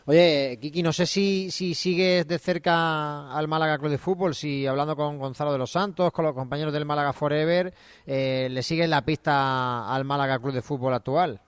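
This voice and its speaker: A man hosting a sports radio show, asking his guest questions in a friendly, chatty manner. His voice is a touch high for a man and smooth, recorded close and dry on a studio mic. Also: fairly even intonation, normal speed, dry recording.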